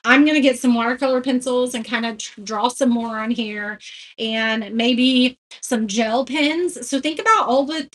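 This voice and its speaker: A woman hosting a casual live painting tutorial, chatting with viewers and greeting them by name. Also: on the high side. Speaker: craft tutorial host.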